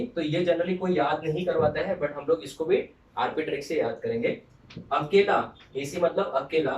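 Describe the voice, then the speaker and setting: A man teaching chemistry in a lecture, repeating memory tricks slowly and asking students to say them with him. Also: on the high side, roomy sound, distant mic, low-quality recording. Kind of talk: Hindi classroom lecture with mnemonics.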